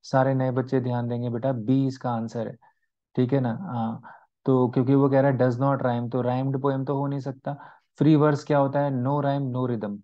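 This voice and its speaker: A man's voice: mid-range voice, flat delivery, moderate pace. A man with an Indian accent teaching an online exam-prep class, mixing Hindi and English and asking and answering his own questions. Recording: slightly dull lo-fi audio.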